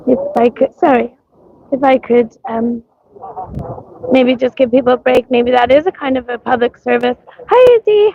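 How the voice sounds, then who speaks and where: A woman's high, creaky voice comes through with the highs cut off as she livestreams outdoors at a street parade. She has a mixed accent and a cough-roughened voice, chatting casually in a rambling way with many ums and greeting viewers by name.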